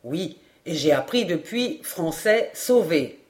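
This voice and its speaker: A woman voicing a French army sergeant who speaks slowly, deliberately and firmly in an audiobook reading. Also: fairly low pitch, expressive, a little mellow. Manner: slow, deliberate and firm. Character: old French army sergeant, slow and certain.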